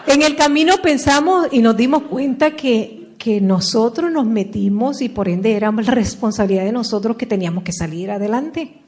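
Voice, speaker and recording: A woman's voice: a little high, normal speed, a little mellow. A middle-aged woman giving a personal testimony talk, telling her story with feeling and re-enacting her own past words.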